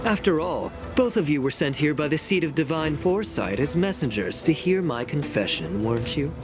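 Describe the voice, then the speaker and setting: A man voicing a proud, bitter elder preceptor in a video game, with formal, measured, sardonic speech. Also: on the high side, expressive, lightly acted. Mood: grave, defiant. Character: proud, bitter elder preceptor scheming for his dwindling clan. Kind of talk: scripted video game dialogue. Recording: game audio with music behind.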